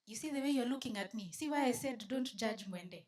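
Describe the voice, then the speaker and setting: A woman's voice: on the high side, lively intonation, fairly quick, a little mellow. A Kenyan woman giving a storytelling talk to a live audience at a conference, switching between English and Swahili and teasing the crowd. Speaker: conference speaker. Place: conference venue.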